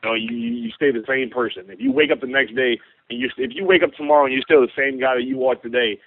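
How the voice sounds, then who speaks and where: A man of average pitch chats casually as a fighter being interviewed. He rambles in a colloquial way. The voice comes through a narrow telephone connection with no room sound. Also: sing-song, fast talker, creaky, no echo. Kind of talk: casual conference call interview. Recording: tinny dry phone line.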